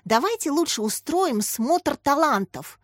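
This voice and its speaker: A woman's voice: high-pitched, expressive, unhurried, dry recording, clean studio sound, pitched above the performer's own voice. A woman voicing a cheerful schoolboy ringleader who coaxes his classmates with enthusiasm. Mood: coaxing.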